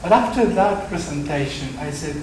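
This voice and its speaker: Speaking at a normal speed in a slightly high, somewhat mellow voice, this middle-aged man from Argentina sounds animated as he tells anecdotes and jokes at his own expense. The conference hall echoes, and there's noise in the background.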